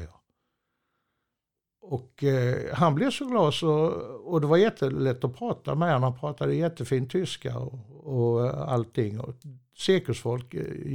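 A man's voice: medium pitch, creaky, darkish tone. An older man, a former truck driver, telling a long anecdote in a chatty, meandering way, with many fillers and restarts and frequent chuckles. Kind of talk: rambling anecdotal storytelling.

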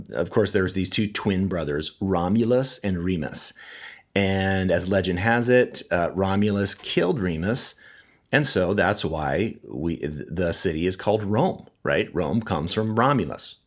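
A middle-aged man with a wheezy voice and a head cold, chatting casually as a podcast host and breaking off his own sentences as he tells stories. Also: low-pitched. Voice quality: wheezy, congested voice. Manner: chatty, self-interrupting, storytelling. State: sick with a cold.

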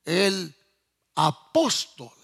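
A man preaching a sermon, emphatic, repeating his points and asking the listeners if they hear him, sometimes shouting and half-singing phrases. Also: sits high, very animated, drawn-out words, slightly rough.

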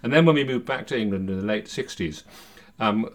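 A man's voice: fairly low pitch, fairly quick. An older man hosting a podcast, introducing it and talking conversationally in a studio. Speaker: podcast host.

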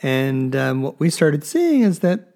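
A man's voice: on the high side, sing-song, measured pace, darkish tone. A man in his fifties co-hosting a podcast, speaking casually and a bit hesitantly. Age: 50s. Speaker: podcast co-host. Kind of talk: podcast interview.

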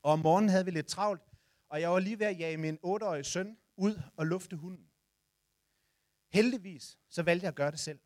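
A man in his forties telling a personal story to listeners, animated and sometimes shouting in the tense moments. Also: sits high, dry recording, studio quality. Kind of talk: personal anecdote told to listeners.

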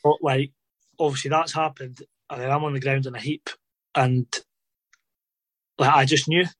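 A man's voice: medium pitch, fairly even intonation, moderate pace, a bit bright, no room sound. A man telling stories in an interview about his days as a footballer, rambling casually with lots of fillers like "obviously" and "you know". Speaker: former footballer guest.

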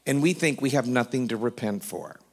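A man who talks fast, teaching the Bible in a relaxed back-and-forth and stressing scripture as he quotes it. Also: medium pitch, husky, in a large hall. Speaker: preacher co-hosting a Bible teaching.

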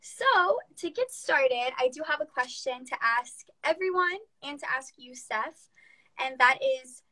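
A woman's voice: sits high, lively intonation, measured pace, pushed and bright, low-quality recording. A young woman co-hosting a casual live chat, upbeat and asking her audience questions. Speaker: podcast co-host.

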